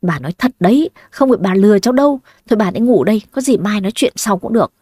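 A woman's voice: mid-range voice, animated, fast, dark tone, no echo, studio quality, lightly acted. A woman voicing a fretful, scheming old grandmother, coaxing and complaining.

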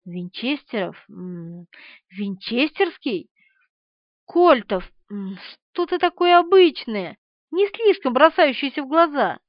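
A woman's voice: high-pitched, sing-song, slow, no echo, exaggerated voice. A woman voicing a forgetful young man who mumbles and hesitates over a phone line. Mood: mumbling. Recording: dull lo-fi audiobook recording.

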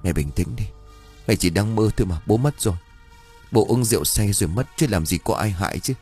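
Adult son, calm, steady and reassuring, low husky voice, voiced by the male narrator. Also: a little fast, faint music behind. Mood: soothing. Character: calm adult son soothing his mother.

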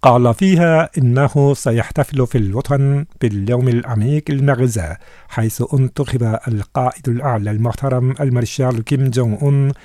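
Man, news reader, formal, measured, mellow voice, dry studio sound. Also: mid-range voice, no echo. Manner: slow, measured, solemn delivery. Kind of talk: formal scripted news reading.

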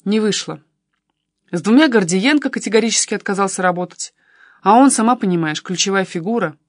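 A pushy young man who coaxes and presses his cousin without letup, voiced by a woman reading an audiobook. The reading is dry, close and steady. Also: medium pitch, a little fast, no echo, lightly acted. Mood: insistent. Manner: pushy, coaxing, persuasive.

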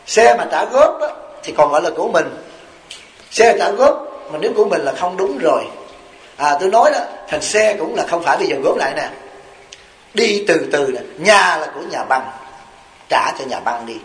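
High-voiced Southern Vietnamese monk preaching. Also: male voice, very animated, normal speed, pauses often. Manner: folksy storytelling with rhetorical questions and acted quotes. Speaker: Buddhist monk and abbot giving a dharma talk. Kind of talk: sermon. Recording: echoey hall recording.

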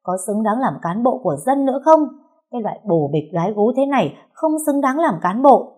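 A woman voicing a shrill, outraged older mother-in-law who wails and shouts for the neighbors. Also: very animated, a little fast. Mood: wailing.

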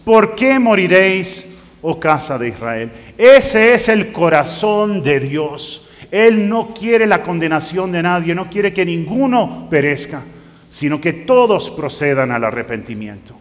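A man's voice: high voice, lively intonation, unhurried. A man preaching a sermon, reading scripture aloud and rising to emphatic bursts. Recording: long reverb of a hall.

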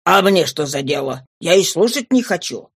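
A woman's voice: fairly low pitch, expressive, moderate pace, breathy edge, no room sound, pitched below the performer's own voice. A woman voicing a harsh, mocking male police inspector who barks orders, in a storybook reading. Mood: scornful, commanding. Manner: barking, scornful.

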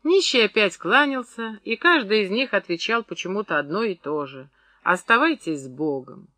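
Bright-voiced male audiobook narrator. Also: high voice, animated, no echo. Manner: measured literary reading. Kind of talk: scripted narration.

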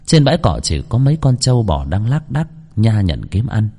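A man narrating a ghost story in an expressive storytelling manner. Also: fairly low pitch, moderate pace, husky.

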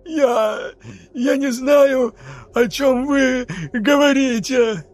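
Man doing a shrill panicky cowardly officer. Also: normal speed, soft background music, natural voice. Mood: panicked. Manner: shrill, pleading, frantic.

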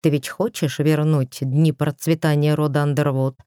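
A woman voicing a smooth, scheming male kidnapper in an audiobook, calm and persuasive. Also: deep voice, normal speed, no room sound, studio quality, lightly acted.

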